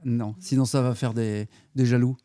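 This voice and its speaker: A middle-aged man with a dark, mellow tone talks casually in a close, dry recording. He answers questions with lots of hesitation and fillers, and grows animated when he acts out a story. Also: mid-range voice, normal speed, no echo. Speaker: history-geography teacher.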